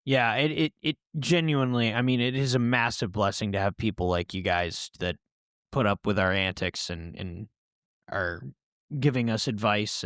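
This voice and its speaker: A man's voice: on the low side, fairly bright tone, dry recording, clean studio sound. A man co-hosting a podcast in casual banter, rambling and joking, slipping into mock-pompous asides. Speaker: podcast co-host.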